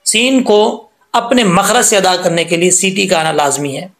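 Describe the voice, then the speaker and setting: A man teaching Quran recitation rules, patiently drilling syllables slowly and repeating each sound. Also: sits high, expressive, fairly bright tone, roomy sound. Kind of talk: tajweed lesson explaining letter sounds.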